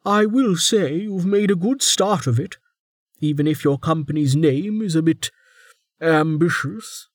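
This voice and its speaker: A man voicing an ancient, imperious female warden who drawls and mocks, leaning slowly on certain words in an audiobook. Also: on the high side, no room sound, studio quality, voice pushed up. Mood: sardonic. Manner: drawling, mocking, with slowed emphatic words. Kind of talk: audiobook character voice.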